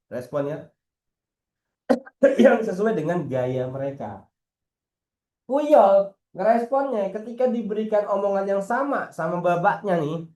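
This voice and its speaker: Male coach, casual and teasing, lively delivery, roomy echo. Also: fairly high pitch. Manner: lively, slangy, teasing, asks rhetorical questions. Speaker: football coach. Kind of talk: casual internal coaching meeting.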